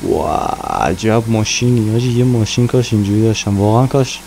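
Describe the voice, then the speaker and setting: A man's voice: on the low side, very animated, gravelly, darkish tone, a little hiss or hum, poor audio. A young man giving casual, playful commentary while playing a car-washing game, talking to himself as he goes. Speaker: gaming YouTuber.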